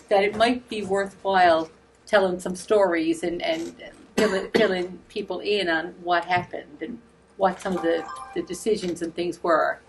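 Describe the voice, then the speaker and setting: A woman's voice: medium pitch, rough recording. A woman facilitating a retreat discussion, inviting the group to share in a tentative, open way.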